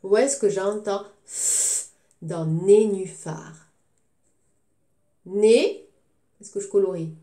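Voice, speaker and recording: A woman teaching a phonics lesson to young children, speaking very slowly and sounding out each syllable with care. Her voice sits in a medium range and carries a noticeable room echo. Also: medium pitch, warm tone. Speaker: kindergarten teacher.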